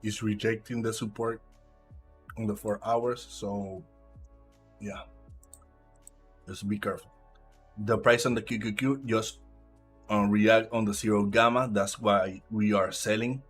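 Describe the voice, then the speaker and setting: A man from Puerto Rico with a Puerto Rican Spanish accent and Spanish as his first language, giving halting live trading commentary while he reads the chart aloud. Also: lowish voice, steady tone, faint music behind. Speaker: live trader.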